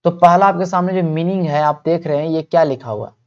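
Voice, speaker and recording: A male teacher giving an online vocabulary lesson. He asks questions and answers them himself, and stretches words out slowly so listeners can repeat them. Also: a little high, dull audio.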